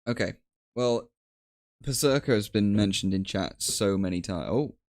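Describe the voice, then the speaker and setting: Low-voiced man, dry close sound. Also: normal speed, no room sound. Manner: stammering restarts, easygoing. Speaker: guest streamer. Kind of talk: casual chat.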